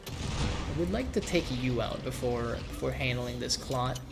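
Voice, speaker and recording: A man's voice: medium pitch, unhurried, gravelly, over music. Nasal male streamer with a cold. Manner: rambling, relaxed, swears casually. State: congested from a cold. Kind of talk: casual gameplay commentary.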